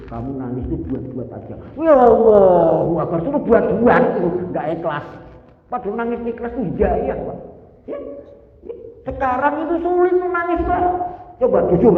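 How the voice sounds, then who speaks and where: Older man preaching in an echoey hall. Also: high-pitched. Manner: lively, jokey, questions the audience. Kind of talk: sermon. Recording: echoey hall, far from mic, tinny.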